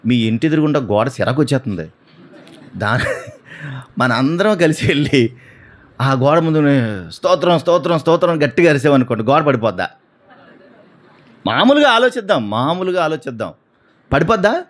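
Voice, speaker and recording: A man preaching a sermon, animated, acting out voices and asking the congregation questions. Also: mid-range voice.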